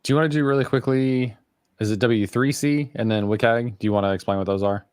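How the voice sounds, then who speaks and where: A man hosting a live stream, moderating guests in a relaxed, friendly way and reading chat comments aloud. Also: mid-range voice, fairly quick, clear, resonant tone, dry recording, studio quality.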